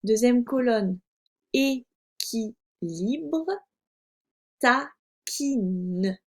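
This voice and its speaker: Slow, patient woman teacher dictating. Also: fairly high pitch, animated. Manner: slow, careful dictation, spelling out letters; patient, explains and repeats words. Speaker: first-grade teacher. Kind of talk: remote reading lesson for young children.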